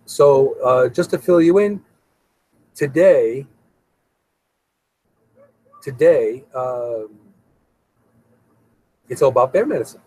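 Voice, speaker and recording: This middle-aged man runs a live stream casually, rambling and frequently repeating his words. His medium-pitched, mellow voice is expressive and slow with frequent pauses, captured in a low-quality recording without room sound.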